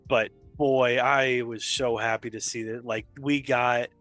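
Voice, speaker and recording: A man's voice: mid-range voice, fairly even intonation, unhurried, fairly bright tone, dry recording, faint music behind. A man co-hosting a gaming podcast, talking in an enthusiastic, rambling casual chat. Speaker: podcast co-host.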